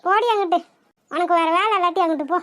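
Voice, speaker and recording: A shrill, fast-talking cartoon college girl, sharp-tongued and touchy. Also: no echo, clean studio sound. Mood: irritated. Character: young woman college student Anandhi, quick-tempered and tearful. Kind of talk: cartoon voice acting.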